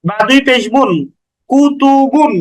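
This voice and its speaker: A man's voice: extremely high pitch, slow pace, poor audio. A man teaching beginners to read the Quran, spelling out each letter and vowel mark syllable by syllable with patient, brief explanations.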